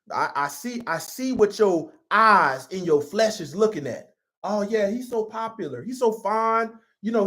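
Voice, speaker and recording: Guy preaching a sermon, emphatic and chatty, voice swings up and down a lot. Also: high-pitched. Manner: emphatic, conversational preaching with repeats. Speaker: pastor.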